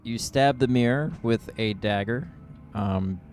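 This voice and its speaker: A man narrating as game master of a tabletop game, with unhurried descriptions and frequent ums. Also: medium pitch, a little mellow, faint music behind.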